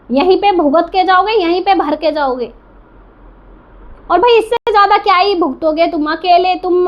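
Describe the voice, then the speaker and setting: A woman reaction vlogger with a very high-pitched voice scolds indignantly into the camera, defiant and full of rhetorical questions, repeating her points to drive them home. The recording is muffled.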